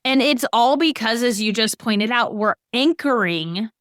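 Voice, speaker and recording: A woman's voice: a little high, animated, a little slow, fairly bright tone, no echo, studio quality. A middle-aged woman on a financial podcast, explaining goal-setting with everyday examples in a conversational way.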